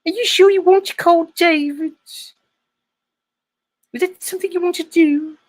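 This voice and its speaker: A man voicing a worried, prim wife in a mock English accent and a high falsetto. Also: fairly even intonation, normal speed. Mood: fretful.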